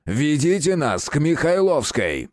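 A man voicing a gruff police detective who barks curt, commanding orders. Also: a little high, sing-song, unhurried, no room sound, clean studio sound, pitched above the performer's own voice. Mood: commanding, stern.

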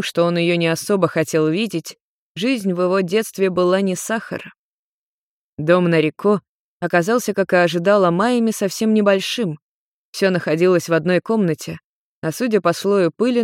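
A woman narrating a story in a calm, even reading voice. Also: lowish voice, normal speed, no room sound, studio quality.

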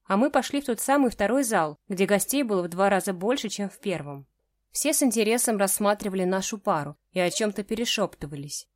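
A woman's voice: medium pitch, animated, a little fast, no echo. Woman reading a romance audiobook. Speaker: audiobook narrator.

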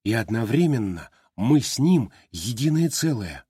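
A bewildered man caught inside a strange creature in an audiobook fantasy, working things out slowly, as a male narrator voices him. His husky voice stays low and measured. The sound is dry and close. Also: sing-song, dark tone, no echo. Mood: musing. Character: bewildered trapped man, thoughtful.

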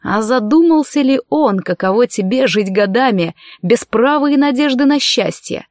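A woman reading an audiobook, voicing a scheming young male sorcerer who speaks in a soft, coaxing, insinuating way. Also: mid-range voice, dry recording, clean studio sound, close to an everyday voice.

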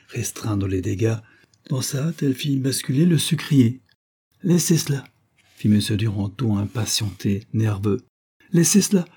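A man reading a novel aloud in a measured, theatrical narration style. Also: mid-range voice, dark tone, breathy edge. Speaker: audiobook reader.

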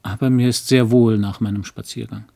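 Husky, young woman, as a male reader puts her on, bright, eager, audiobook. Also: lowish voice, steady tone, a little fast. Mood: lively. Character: young woman, restless dreamy doctor's wife. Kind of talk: audiobook character voice.

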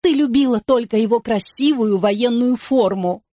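Melodramatic sobbing young woman, voiced by a woman reader; reproachful, pitched up. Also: moderate pace, warm tone, dry recording, clean studio sound, close to an everyday voice. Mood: tearful. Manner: tearful, reproachful, high-pitched.

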